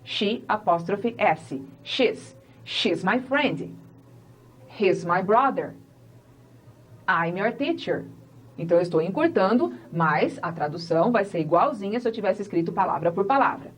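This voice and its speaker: Female teacher, Portuguese her first language, clear step-by-step explainer for an online English class. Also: mid-range voice, animated, a little slow. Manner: explains step by step, acts out sample dialogues.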